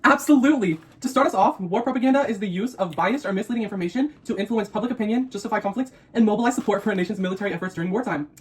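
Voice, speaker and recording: Extremely fast-talking young woman co-host. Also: medium pitch, slight background noise. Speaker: co-host of a mukbang video. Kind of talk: scripted explainer mixed with playful banter.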